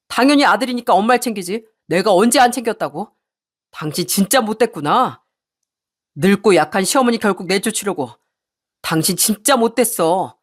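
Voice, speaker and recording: A woman's voice: mid-range voice, lightly acted. A woman voicing a self-pitying young husband who whines, blames his wife and begs, in a radio story. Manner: whining, blaming, later pleading.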